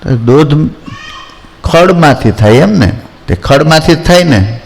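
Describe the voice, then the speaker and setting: A man's voice: fairly high pitch, lively intonation, slow. Guy spinning village stories in a spiritual talk, doing the villagers' voices, big echoey hall. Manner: anecdotal, acts out villagers in quoted voices. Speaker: spiritual storyteller. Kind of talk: folksy devotional discourse.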